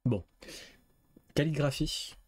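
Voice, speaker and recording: A man's voice: a little high, takes it slowly, breathy edge. A man streaming a quiz game, reading questions aloud, guessing and swearing casually. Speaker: gaming streamer.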